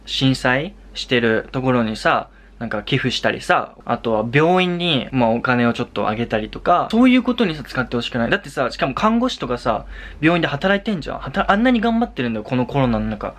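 A man's voice: medium pitch, sing-song, fast talker, a bit bright. Young Japanese man ranting casually. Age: young adult. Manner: exasperated, repetitive, switching into English swearing. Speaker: vlogger and Japanese tutor. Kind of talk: casual vlog rant.

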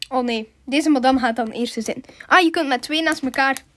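A woman's voice: high-pitched, moderate pace, a bit bright. A woman doing chatty, giggly commentary as she plays a video game, mixing in English slang. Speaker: gaming YouTuber.

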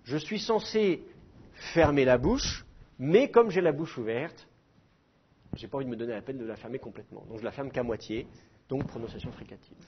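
A man's voice: medium pitch, breathy edge, lo-fi sound. A middle-aged man teaching a class, explaining with demonstrated sounds and self-mocking humor. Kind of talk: classroom lecture.

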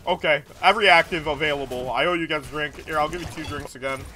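A man's voice: fairly high pitch, fast, bright, forceful tone, slight background noise. A young man giving casual gameplay commentary to viewers, rambling and repeating himself in a tipsy way. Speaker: gaming video creator. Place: small indoor room at a gaming setup.

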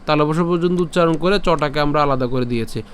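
A man teaching the pronunciation of a scripture verse. He breaks each word into syllables, repeats them patiently and chants the lines slowly. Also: fairly high pitch, clean tone. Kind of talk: slow syllable-by-syllable pronunciation lesson.

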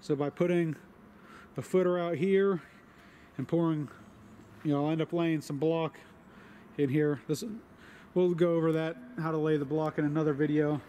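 With slight background noise and faint outdoor ambience, a homesteader vlogger films his building site on a handheld camera. His slightly higher voice stays relaxed and matter-of-fact as he narrates casually, pausing for fillers.

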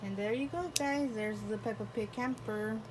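A young mother with a fairly high voice talks at a moderate pace while showing a new toy to viewers from her bedroom. The toy review vlogger chats, narrates every piece and plays along with her daughter, on a noisy home phone recording.

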